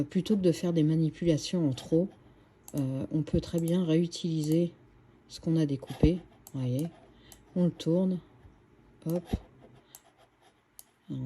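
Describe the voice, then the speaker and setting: A woman's voice: deep voice, warm tone, a little hiss or hum. A woman hosting a screen-recorded craft tutorial, chatty and hesitant, with many fillers and restarts.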